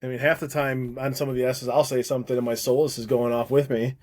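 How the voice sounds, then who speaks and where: A man's voice: mid-range voice, little pitch movement, fast, darkish tone. A man co-hosting a casual podcast chat, talking in loose, rambling bursts with frequent restarts. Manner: rambling, many restarts, laughs easily. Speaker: podcast co-host.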